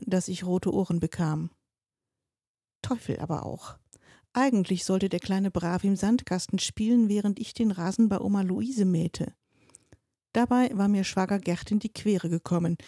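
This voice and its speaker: A woman's voice: mid-range voice, dark tone, dry recording. A woman reading a darkly comic story aloud, in a dry, wry storytelling manner. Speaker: narrator.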